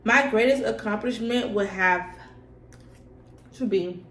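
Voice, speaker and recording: A woman's voice: medium pitch, slow, a bit bright. A young adult woman chatting casually as a vlogger, informal and slangy, repeating herself for emphasis. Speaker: vlogger answering personal questions. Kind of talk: casual mukbang chat to camera. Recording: echoey room with faint background noise.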